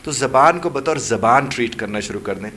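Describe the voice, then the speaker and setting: A middle-aged male tutor answering an interviewer's questions. His voice sits at a medium pitch and he speaks in a lecturing, explanatory way. A faint hiss of background noise stays under the recording. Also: expressive, pushed and bright. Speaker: English teacher and IELTS tutor.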